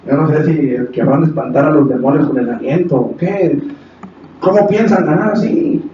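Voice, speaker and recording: A Mexican pastor preaches with passion, his voice sitting fairly high for a man. He acts out quotes and climbs to shouts. The church hall rings with heavy echo, caught from far off on a dull recording. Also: normal speed. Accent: Mexican Spanish. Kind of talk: sermon. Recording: echoey hall from far off, dull, faint hiss.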